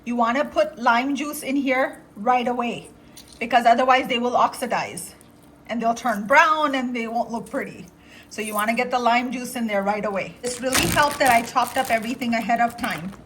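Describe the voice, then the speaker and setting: A woman with a slightly high voice talks her viewers through a recipe step by step in a home kitchen. Her manner is chatty and instructive. Faint sizzling noise sits underneath her voice. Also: normal speed, a bit bright. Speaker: cooking vlogger. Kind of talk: casual cooking demo.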